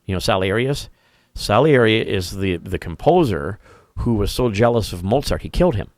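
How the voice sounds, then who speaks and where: Low-voiced man, chatty podcast host. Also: sing-song, moderate pace, darkish tone, no room sound, clean studio sound. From Kenosha, Wisconsin. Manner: rambling storyteller, many fillers and restarts. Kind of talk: casual chat.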